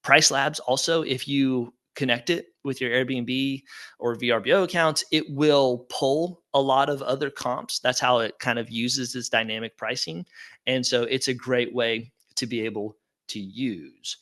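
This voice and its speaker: A man's voice: medium pitch, steady tone, a little slow, a bit bright. A middle-aged man presenting a live webinar and taking audience questions, speaking in a casual, upbeat, conversational way with plenty of fillers.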